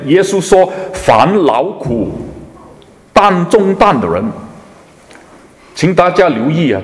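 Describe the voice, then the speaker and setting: A man preaching a sermon as a pastor, talking in an unhurried, halting way with fillers and restarts. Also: on the high side. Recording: reverberant hall.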